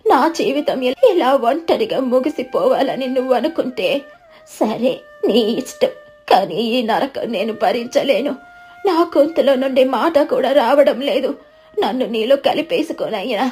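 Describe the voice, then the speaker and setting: A woman voicing a frail, lonely old village woman who speaks weakly and slowly, in a storybook. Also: high voice, expressive, a little mellow, soft background music. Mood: pleading. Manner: weak, slow, pleading. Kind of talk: storybook narration.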